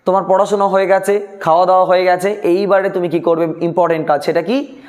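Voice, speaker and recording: A man teaching spoken English, dragging out model sentences slowly and coaxing students with questions. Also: high-pitched, steady tone, a little mellow.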